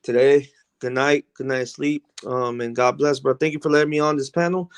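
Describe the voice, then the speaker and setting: A man's voice: medium pitch, steady tone, moderate pace, clear, resonant tone. A man chatting casually as a panel guest, with agreeable, slangy frat-bro talk full of swearing. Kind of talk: casual chat.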